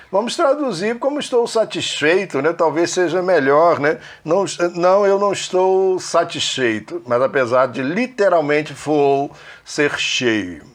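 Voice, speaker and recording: A man with a Brazilian Portuguese accent teaching an English lesson, explaining slowly and checking in often with the learner. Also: a little high. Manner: patient, repetitive, checks in with "né?" and "ok?".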